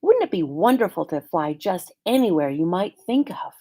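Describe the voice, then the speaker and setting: A woman's voice: fairly low pitch, very animated, normal speed, warm tone, no room sound, clean studio sound. Storybook little boy, woman reader: kind, earnest, eager dreamer, polite. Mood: dreamy, eager.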